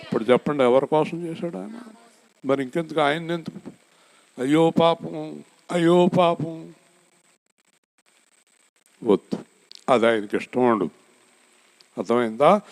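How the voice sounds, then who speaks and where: A male pastor preaching a sermon, asking the congregation questions and swinging from high, loud emphasis down to low, quiet words. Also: animated, moderate pace, vocal fry, long pauses.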